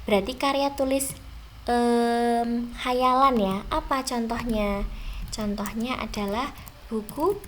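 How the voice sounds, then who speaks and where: A woman's voice: high-pitched, a little hiss or hum. A young woman teaching an exam review lesson, speaking straight to her students and drawing out the words she stresses. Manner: slow, drawn-out stressed words, addressing students directly.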